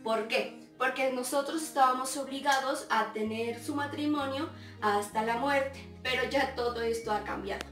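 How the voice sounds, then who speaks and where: A woman's voice: high voice, moderate pace, fairly bright tone. A young woman performing a theatrical monologue dramatically, with sobbing and sing-song wailing. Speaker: stage performer. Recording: roomy sound from a distant mic, faint music.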